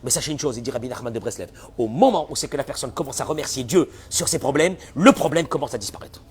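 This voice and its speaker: Animated rabbi preaching. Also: male voice, medium pitch, fast talker, breathy edge. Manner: animated, acts out complaining voices. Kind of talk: sermon.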